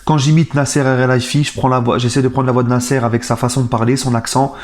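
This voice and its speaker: A man's voice: mid-range voice, little pitch movement, fast, darkish tone. Grieving man in his thirties, subdued. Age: 30s. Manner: subdued and sad, then indignant ranting. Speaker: football fan channel host. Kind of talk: casual vlog monologue.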